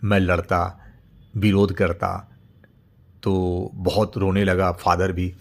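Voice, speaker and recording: A man's voice: sits low, level tone, takes it slowly, creaky. Middle-aged man telling a story. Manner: unscripted, with frequent fillers and repeated words. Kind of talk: casual spoken story narration.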